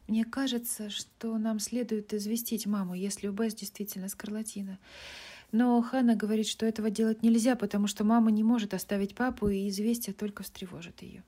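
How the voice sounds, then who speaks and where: A woman's voice: medium pitch, steady tone, fairly quick, dark tone, voice pushed up, natural voice. A woman voicing an earnest, caring older sister in a storybook reading.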